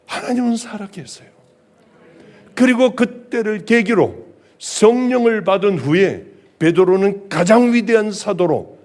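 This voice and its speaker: A middle-aged male pastor preaching a sermon, emphatic, swinging from loud exclamations to hushed, quiet lines. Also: high-pitched.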